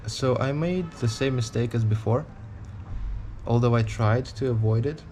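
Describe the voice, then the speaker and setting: A man's voice: medium pitch, moderate pace, darkish tone, a little hiss or hum. Candid young man rambling in a vlog. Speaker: touring cyclist vlogger. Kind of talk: casual vlog talk to camera.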